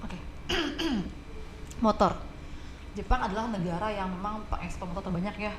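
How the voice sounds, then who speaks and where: A woman with an Indonesian accent and a medium-pitched voice speaks at a moderate pace as a talk show guest. Her casual, animated storytelling includes acting out the people in her tales, and the echoey room has faint background noise.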